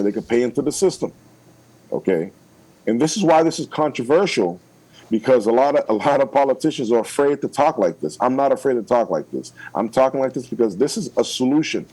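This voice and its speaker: A man's voice: mid-range voice, warm tone, low-quality recording. A man, a political candidate, making his case in a radio interview, emphatic and persuasive, checking in with "okay?" again and again.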